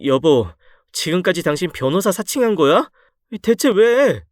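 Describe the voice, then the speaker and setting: A man doing a shrill distraught young wife. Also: very animated, measured pace, dry recording, clean studio sound. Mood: outraged. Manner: shrill, emotional pleading.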